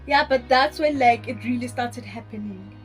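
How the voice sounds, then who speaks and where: A teenage girl telling a school story in a rambling, animated way, full of fillers. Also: on the high side, normal speed, soft background music. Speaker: vlogger. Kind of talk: casual storytelling.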